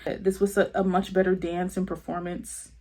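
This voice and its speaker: A woman's voice: fairly low pitch, level tone, moderate pace, background noise. A woman giving a candid, opinionated review of a television show in casual commentary, acting out the people she quotes. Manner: candid, chatty, with frequent fillers; acts out quoted people in her retelling.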